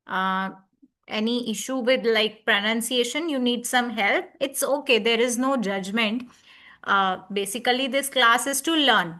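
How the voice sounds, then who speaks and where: A woman's voice: a little high, bright, forceful tone. A woman teaching an online scripture class over a video call, patiently reassuring students and explaining pronunciation step by step. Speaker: Bhagavad Gita class teacher.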